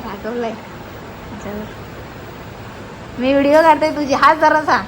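Speaking at a measured pace, this high, slightly bright-voiced woman vlogs from a coastal fishing village, chatting casually with a teasing, playfully scolding manner. She hails from Alibag, Maharashtra, and records outdoors on a handheld phone with headphones, so there's plenty of background noise.

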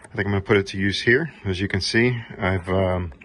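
Laid-back middle-aged man, low voice. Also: a little fast. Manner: relaxed, rambling, filler-heavy. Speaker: HVAC technician demonstrating a tool. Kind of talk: casual workshop demo. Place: home garage workbench, indoors. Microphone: camera mic, speaker off-frame behind camera.

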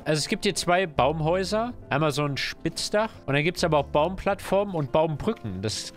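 A German man chatting excitedly while playing a survival game, shouting and laughing often. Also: fairly high pitch, fairly quick, faint music behind. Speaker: gaming YouTuber. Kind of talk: let's play banter.

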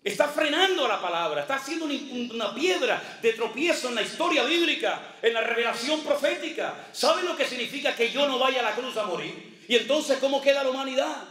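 High, bright preaching man in a hall. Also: animated, brisk, hardly any pauses, far from the mic. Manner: impassioned preaching with repetition and shouted praise. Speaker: pastor. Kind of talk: sermon.

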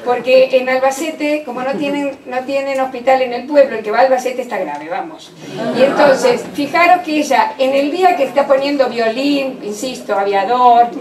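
A woman's voice: high-pitched, moderate pace, a crowd in the background. A woman giving a conference lecture on children's writing, explaining with many fillers and restarts. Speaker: lecturer on early literacy. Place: conference hall. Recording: echoey hall, distant mic, faint noise.

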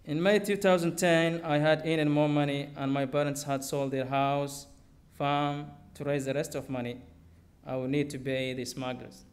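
A young Somali man stands at a lectern on a theater stage, reading a personal story from his notes into a podium mic. His voice is fairly high and his pace moderate, with simple, steady phrasing.

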